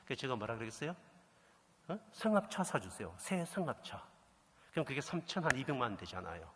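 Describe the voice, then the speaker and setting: A middle-aged man preaching a sermon, telling a story and acting out the dialogue with lively energy. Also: medium pitch, a little fast, noisy background. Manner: animated storytelling, acts out quoted dialogue. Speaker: pastor. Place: church sanctuary. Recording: echoey church hall reverb.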